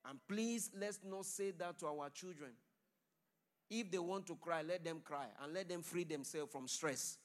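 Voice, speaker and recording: A man's voice: fairly high pitch, measured pace. A man preaching a sermon, pleading with his congregation and calling for their responses. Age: adult. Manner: loud declaring blessings.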